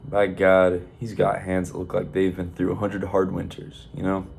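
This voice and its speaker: A man's voice: low voice, monotone, moderate pace, creaky, darkish tone, slight background noise. A man telling a long, rambling shaggy-dog joke in a folksy storytelling manner, peppered with "by God". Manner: folksy, rambling, repeats 'by God'. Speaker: comedian.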